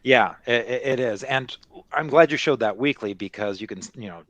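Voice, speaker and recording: A male market analyst talks through his reasoning off the cuff in a mid-pitched voice. He explains in a conversational way, often dropping in small check-in phrases. The sound is close and dry, with very little room in it. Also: moderate pace, a bit bright, dry recording, dull audio. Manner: conversational, explanatory, peppered with "you know" and "right?". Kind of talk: unscripted market commentary.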